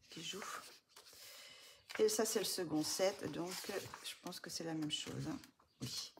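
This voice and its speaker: This coloring book vlogger speaks in a low voice with vocal fry, keeping it soft and filler-heavy as she shows her books. Often slipping into a near whisper, she gushes over the pages in casual show-and-tell chat, and background noise can be heard.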